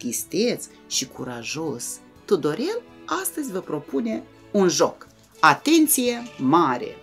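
Woman teacher with a Moldovan Romanian accent, lowish husky voice, animated lesson for small children, soft music underneath. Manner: lively, encouraging, slow and clear. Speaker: primary school teacher.

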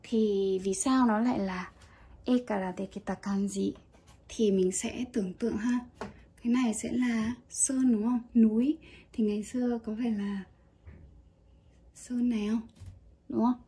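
Woman, very breathy, kinda mellow, chatty kanji lesson. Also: fairly high pitch, a little slow, pauses often. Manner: chatty, relaxed, with small laughs. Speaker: Japanese teacher.

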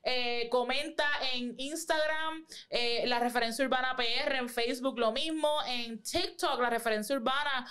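Young Puerto Rican woman, high voice, brash and profane, playful podcast co-host, close studio mic. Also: moderate pace, hardly any pauses, clean tone. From Puerto Rico. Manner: brash, profane, joking and animated. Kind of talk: casual chat. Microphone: boom-arm studio mic.

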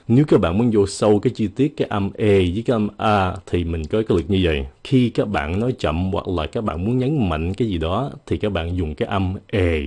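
A man with a low, mellow voice teaches English pronunciation in a relaxed video lesson. His first language is Vietnamese, and he draws each model word out slowly so it can be copied. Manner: slow, drawn-out model words.

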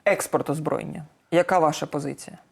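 Fast-talking male interview host. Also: on the high side, fairly even intonation, creaky, slightly rough. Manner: quick, conversational questioning. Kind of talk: live studio interview. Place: TV studio.

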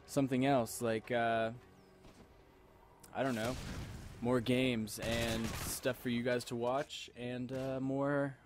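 A man's voice: mid-range voice, little pitch movement, takes it slowly, background noise. A tipsy man doing casual game commentary, rambling and repeating himself as he talks to his viewers. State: tipsy from alcohol. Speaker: gamer commentator.

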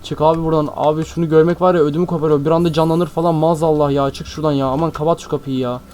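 Fast-talking young man, jumpy game commentary. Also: on the high side, a little hiss or hum. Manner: excitable, jumpy, keeps addressing viewers as friends. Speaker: gaming channel host. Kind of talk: Minecraft let's-play commentary. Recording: faint background music.

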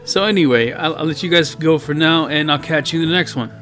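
Guy rambling about his painting, lots of um and you know, kinda high voice, guitar music going in the back. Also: a little fast, a bit bright. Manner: rambling, filler-heavy, self-deprecating. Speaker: digital painter and video host. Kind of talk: casual voice-over commentary on his painting. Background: background guitar music.

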